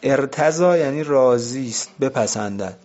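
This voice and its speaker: A man's voice: mid-range voice, animated, darkish tone, muffled recording. A man teaching a vocabulary lesson, explaining words one by one and asking and answering his own questions.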